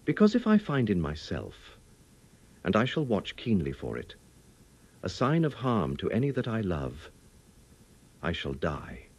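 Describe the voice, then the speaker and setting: A man's voice: low-pitched, wildly swooping pitch, unhurried, pauses often, a little mellow, slightly rough, exaggerated voice. Man voicing a sorrowful, resolute young woman, slightly muffled. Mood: resolute, earnest. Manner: solemn, plaintive Victorian formal speech. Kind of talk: dramatic audiobook character reading.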